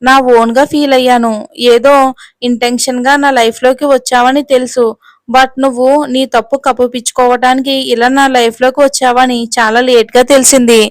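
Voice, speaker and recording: A woman's voice: high-pitched, flat delivery, normal speed, dry recording, lightly acted. A woman reading a furious young boss. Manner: shouting, bitter.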